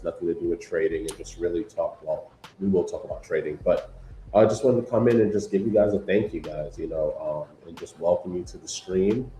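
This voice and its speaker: A very low-voiced man hosts a casual livestream, chatting loosely and filling pauses with "um" and "you know." His voice carries a roomy echo. A faint hum of noise sits underneath. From New York. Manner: relaxed, rambling, many fillers, keeps saying "guys". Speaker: livestream host.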